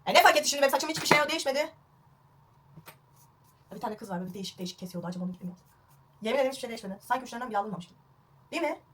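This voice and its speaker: A woman's voice: a little high, lively intonation, rapid-fire, long pauses, very noisy. A young woman vlogging a home haircut, chatty and self-mocking, recorded on a phone at home. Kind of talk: casual home haircut vlog. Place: at home indoors.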